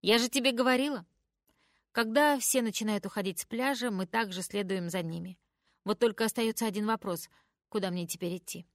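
A woman's voice: medium pitch, brisk, no echo, clean studio sound. A woman reading a first-person teen story aloud, raising her voice for the emotional dialogue.

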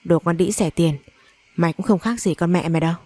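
Woman reader voicing a sly coaxing stepfather, low warm delivery. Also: fairly quick, no echo, close to an everyday voice. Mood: snarling. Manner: wheedling.

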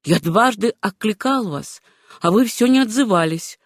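A woman reading aloud, voicing a kind young male doctor who speaks gently and with concern, close to her own voice. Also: mid-range voice, animated, moderate pace, dry recording. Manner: gentle, solicitous.

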